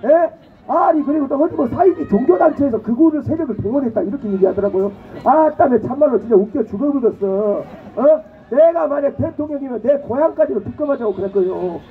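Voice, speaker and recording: Fiery high-voiced Jeolla man rallying a crowd. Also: lively intonation, fairly quick. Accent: Jeolla dialect. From Jeolla, South Korea. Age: young adult. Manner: fiery, keeps prodding the crowd with rhetorical questions and bursts of shouting. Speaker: rally speaker. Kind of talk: impassioned political rally speech. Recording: tinny phone-like audio with faint noise.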